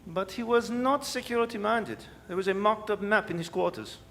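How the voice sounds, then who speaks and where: This gloating French villain, suave and scheming, courtly, wordy and sardonic with a French accent, is played by a man in a staged radio drama. The voice is high, gravelly and fairly bright, and he talks fairly quickly. Noise and long reverb from the live hall fill the recording.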